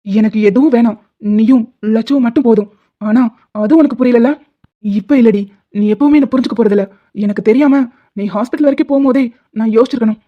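A protective young husband, voiced by a woman, fires off fast, scolding outbursts in an animated love drama. The voice sits a little high. The audio is dull and lo-fi. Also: close to an everyday voice. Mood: angry.

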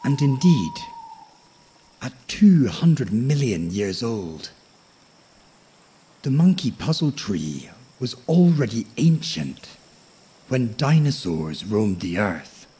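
A man with a husky, breathy voice narrating a bedtime story like a nature documentary, tranquil and measured, with frequent pauses. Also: mid-range voice, very animated, warm tone, slight background noise. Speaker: host of a sleep story podcast.

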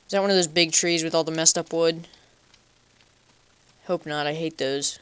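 Smooth-voiced playful young man gaming. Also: on the high side, steady tone, moderate pace, a bit bright. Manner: playful, chatty self-talk with goofy animal nicknames. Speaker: gaming channel host. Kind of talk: casual let's play commentary.

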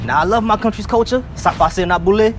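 A man's voice: high voice, fast talker, background noise. A man from Miami speaking in a promo clip outdoors.

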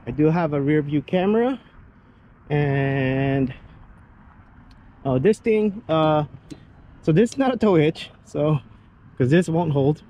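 Standing next to his parked truck outdoors, a vehicle builder shows it off in a loose, meandering way, stumbling through fillers and restarts. His voice is mid-range and a little mellow, and faint outdoor noise sits in the background.

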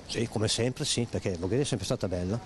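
A middle-aged man answering haltingly and unsure into a handheld mic under an outdoor arcade. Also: on the low side, slight background noise. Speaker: passer-by interviewed. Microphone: handheld interviewer mic.

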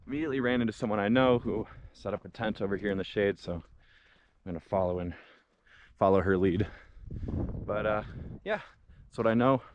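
A man's voice: fairly low pitch, brisk, pauses often, lo-fi sound, a little hiss or hum. Laid-back young man vlogging outdoors. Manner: laid-back, rambling with many fillers. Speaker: hiking vlogger. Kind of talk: casual walking vlog. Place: outdoors at a desert festival campground. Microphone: action camera held at arm's length.

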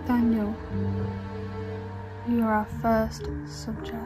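A composed female agent in a film drama, played by a young woman. She questions in a formal, controlled way, with a fairly high voice that moves little in pitch. Music is clearly audible behind her. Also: monotone, slow. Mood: composed, firm.

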